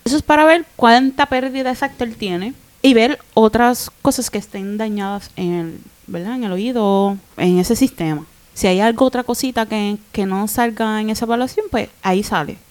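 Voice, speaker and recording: A young adult woman, a podcast guest telling an emotional personal story in an animated way. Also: fairly high pitch, normal speed, hardly any pauses. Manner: animated, acts out quoted voices.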